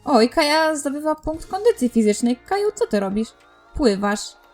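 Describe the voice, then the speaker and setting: A woman's voice: high voice, very animated, normal speed, a little mellow, soft background music. A young woman casually commenting on her life-simulation game, exasperated and bossing her characters around with frequent laughs. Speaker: let's play host.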